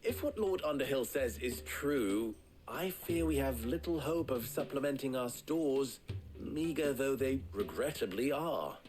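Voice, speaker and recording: An actor in a video game playing a formal, dryly sardonic leader who speaks in measured sentences. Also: male voice, mid-range voice, lively intonation, a little mellow, faint music behind, close to an everyday voice, low-quality recording. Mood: wry.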